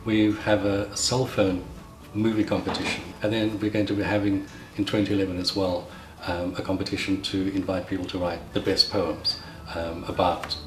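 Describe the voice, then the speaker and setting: Speaking at normal speed in a low, flat voice, a man explains his arts network's work as its secretary general, clear and orderly throughout. It's a prepared talk for a promotional interview, recorded with roomy echo and a little background noise.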